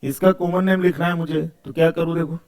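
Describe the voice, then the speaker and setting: A man's voice: fairly high pitch, steady tone, fairly quick, darkish tone. Male chemistry teacher. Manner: asks questions then answers them, repeats key words. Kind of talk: video lecture.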